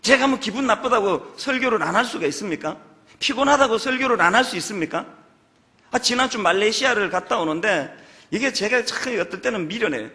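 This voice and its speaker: High, lively pastor preaching in a hall. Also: male voice, fairly quick. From Gyeongsang, South Korea. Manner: emphatic, full of rhetorical questions. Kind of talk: sermon. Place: church sanctuary. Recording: long reverb of a large hall.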